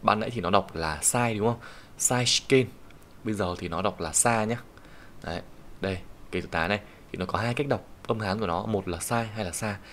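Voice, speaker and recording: A low-voiced, slightly bright Vietnamese man teaches kanji in an online lesson explaining kanji readings. He is patient and explanatory, reading Japanese sentences slowly. Faint background hiss and keyboard typing can be heard.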